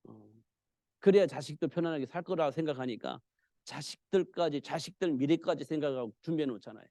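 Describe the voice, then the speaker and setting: A man's voice: a little high, a little fast, mellow, no echo, studio quality. A man preaching a midweek church sermon, talking to the congregation in a conversational way and asking rhetorical questions that he then answers himself. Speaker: pastor.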